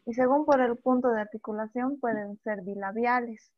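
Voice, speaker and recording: Dull-sounding woman teacher, higher voice. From Bolivia. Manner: demonstrates speech sounds slowly and repeats examples. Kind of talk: online language lesson. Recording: dull dry lo-fi audio.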